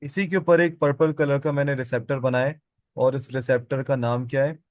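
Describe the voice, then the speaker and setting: A man's voice: mid-range voice, fairly even intonation, brisk, no room sound. A man teaching biology in a classroom, asking his students questions and answering them himself, and repeating the key terms. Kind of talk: classroom lecture.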